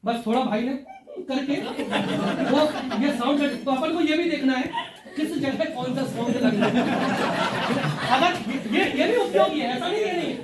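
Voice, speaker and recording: A middle-aged man, a drama lecturer, teaching a class in an animated way and sounding out lines syllable by syllable. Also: very high voice, normal speed, very noisy. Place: classroom with audience. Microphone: far from the mic. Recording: echoey room from far off with crowd.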